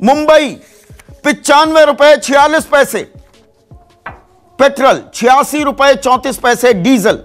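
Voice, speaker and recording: Tv anchor guy in a studio, real high pitched, rattling off numbers, faint music. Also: fairly bright tone. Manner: reeling off price figures briskly. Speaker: television news anchor. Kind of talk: studio news presentation. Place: TV news studio.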